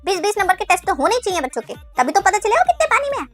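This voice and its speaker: A woman's voice: extremely high pitch, big pitch swings, rapid-fire, faint music behind. A woman playing a strict female teacher obsessed with tests, bossy and scolding, mixing in broken English.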